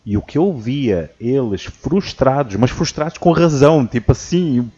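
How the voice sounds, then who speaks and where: A man hosting a casual podcast who tells lively stories about teaching and acts out what people said. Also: medium pitch, unhurried, husky. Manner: animated storyteller who acts out quotes. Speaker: podcast host and English teacher. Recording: dull lo-fi audio.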